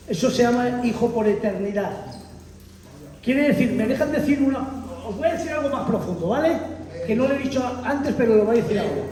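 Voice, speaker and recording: High-voiced man preaching in an echoey hall. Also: recorded from a distance, a little hiss or hum. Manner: emphatic, dramatic retelling, calls on the congregation, bursts into shouts. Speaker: visiting preacher. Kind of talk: animated Bible teaching. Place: church hall.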